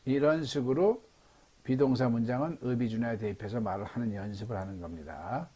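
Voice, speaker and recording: A man's voice: brisk, husky. A middle-aged man teaching English in an online lecture, explaining grammar step by step. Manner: explains step by step, lively pitch. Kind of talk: Zoom lecture. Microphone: video call.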